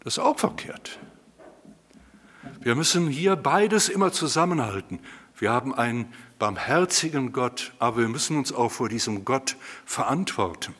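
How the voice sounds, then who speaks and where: Husky preacher man in a reverberant hall. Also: medium pitch, moderate pace. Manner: conversational, animated, addressing the congregation directly. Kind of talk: sermon. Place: church hall before a congregation.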